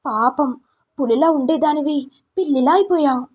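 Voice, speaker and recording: A woman's voice: normal speed, a little mellow, lightly acted. A woman voicing a gloating, scheming female rival who mocks her enemy in a raised, taunting voice, in a storytelling recap. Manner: gloating, high and mocking.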